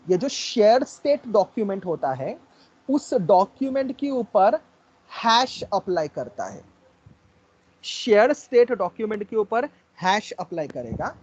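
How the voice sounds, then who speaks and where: Guy teaching a class, explains slowly bit by bit, kinda husky, muffled low-quality audio. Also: a little mellow. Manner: explains step by step and quizzes students. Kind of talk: classroom lecture. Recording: dull lo-fi recording.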